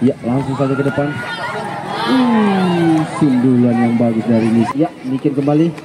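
A man gives live futsal commentary in an excitable way, shouting drawn-out names and goal calls. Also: mid-range voice. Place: outdoor village futsal court. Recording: noisy outdoor court, crowd behind. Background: spectator crowd noise.

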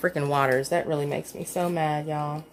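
With a low, steady voice at a moderate pace and a faint hiss or hum in the recording, a woman casually presents her store haul at home. She's a couponing vlogger filming off screen on a phone camera, chatty and mildly self-scolding about a missed coupon.

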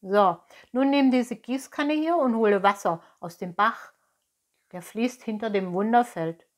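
A woman voicing a sly, smooth-talking male fox in a storybook reading. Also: on the high side, unhurried, natural voice. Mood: bossy.

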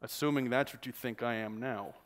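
A man's voice: medium pitch, steady tone, brisk, fairly bright tone, close to an everyday voice. A man reading a smug, suave older smuggler. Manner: smooth, courteous, smirking. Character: urbane older male drug smuggler, smug and polite. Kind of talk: reading a novel aloud.

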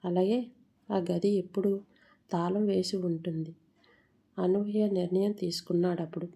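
A woman narrating a moral story in a measured storytelling manner, with the odd small slip. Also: fairly low pitch, fairly even intonation, warm tone, breathy edge.

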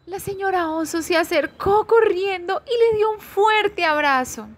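A woman telling a children's story aloud, taking it slow and expressive. Her voice is very high and she lingers over each phrase.

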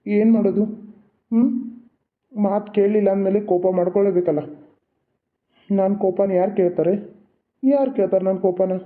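A man's voice: high voice, a little fast, long pauses, narrow, tinny audio, close to an everyday voice. A man voicing a young husband and father in a cartoon, curt and brooding with his wife. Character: young husband and father, sulky then tender.

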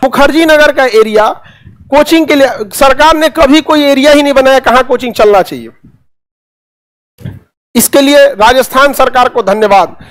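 Standing at a presentation board in an indoor classroom studio, a male coaching teacher in his thirties with a Bihari accent gives a casual lecture with commentary. His extremely high, slightly bright voice moves at a moderate pace, full of sarcasm, slang, and rhetorical questions, though the audio quality is poor.

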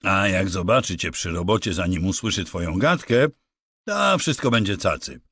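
A man voicing a weary, gruff ranch worker who talks bluntly in rough slang, plainly exasperated. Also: low-pitched, animated, moderate pace, a bit bright, heavily acted. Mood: stern.

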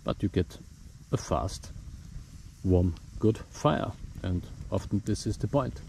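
In this outdoor demonstration vlog, a German bushcraft instructor with a German accent walks through a camp stove step by step in a forest, using plain, simple phrasing. His low voice is expressive and slightly mellow, with vocal fry and a slow pace, over slight background noise.

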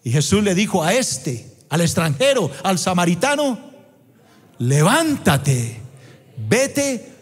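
A man's voice: high-pitched, big pitch swings, normal speed, hardly any pauses, slightly rough. A man preaching a sermon in a church auditorium, emphatic and prompting the congregation to call out key words. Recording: long hall reverb in a church auditorium.

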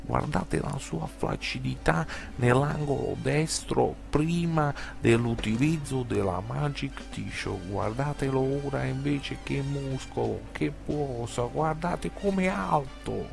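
A man acts out an excitable TV shopping pitchman in a parody infomercial. The delivery is emphatic and exaggerated, stretching slogans at an unhurried pace. The male voice has a gravelly creak and sits over faint music. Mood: amazed, hyped. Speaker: TV shopping host.

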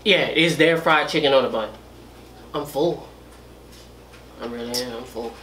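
A man's voice: mid-range voice, moderate pace, background noise. A man joining a casual food review, laid-back and teasing, slangy. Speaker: co-host tasting food.

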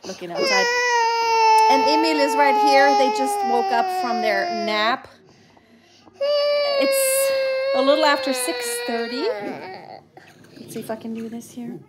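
High, lively-voiced woman vlogging outdoors. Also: a little slow, pauses often, very noisy. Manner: chatty, switches to sing-song baby talk with little kids. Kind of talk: casual vlog update. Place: outdoors in bright sun.

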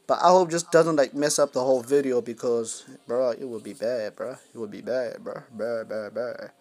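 A man's voice: mid-range voice, steady tone, moderate pace, darkish tone. A young man hosting a casual music-app tutorial, rambling with lots of fillers and slang. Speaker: music production tutorial host. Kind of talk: casual screen-recorded tutorial.

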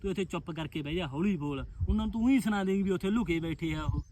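Fast-talking bossy man in a comedy skit. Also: sits high, darkish tone, a little hiss or hum. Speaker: comedy sketch actor.

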